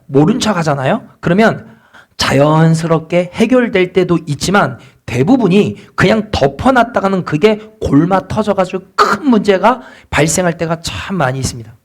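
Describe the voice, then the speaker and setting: A male pastor preaching a sermon in a church, asking the congregation questions and acting out the complaints of church members. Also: high voice. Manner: asks the congregation rhetorical questions. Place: church sanctuary.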